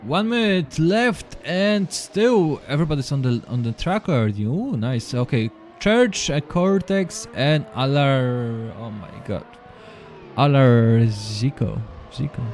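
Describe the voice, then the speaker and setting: A Polish man provides live commentary on a sim racing session in non-native English, sounding halting and apologetic. He often repeats words and restarts sentences. His medium-pitched voice is expressive and darkish, with a little hiss or hum in the recording.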